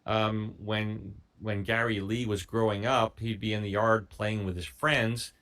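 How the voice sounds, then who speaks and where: Low-voiced easygoing man telling stories. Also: flat delivery, fairly bright tone. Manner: easygoing storyteller, measured. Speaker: show co-host picking the music. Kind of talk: casual chat.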